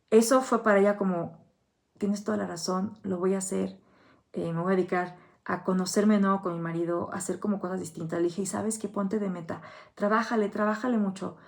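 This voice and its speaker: A woman's voice: mid-range voice, steady tone, brisk, vocal fry, a little mellow. A middle-aged woman with a Mexican Spanish accent, a thanatologist speaking in an earnest, anecdotal podcast monologue and acting out quoted dialogue.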